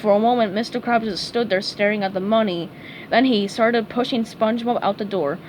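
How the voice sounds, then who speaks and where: A woman reading a storybook aloud in a calm, measured way. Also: mid-range voice, a little hiss or hum, low-quality recording. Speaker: narrator.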